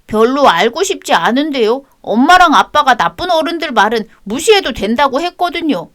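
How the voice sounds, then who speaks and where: A woman's voice: high voice, very animated, normal speed, a bit bright, pitched above the performer's own voice. A woman voicing a stubborn young schoolboy who stands up for his mother in a radio drama. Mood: defiant. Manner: pleading, stubborn.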